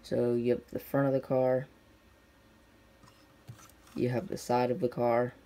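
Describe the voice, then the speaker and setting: A young man with a dark, mid-range voice speaks in a monotone, a little slowly, as a diecast collector reviewing on camera. His casual unboxing commentary comes in plain, unscripted, short clipped phrases at an indoor tabletop display, captured in a noisy home recording with clicks.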